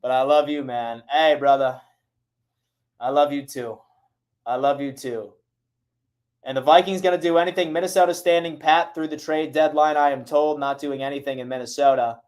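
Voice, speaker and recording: A man hosting a casual sports livestream, talking to his viewers in a hurried, urgent way. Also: fairly high pitch, steady tone, a little mellow.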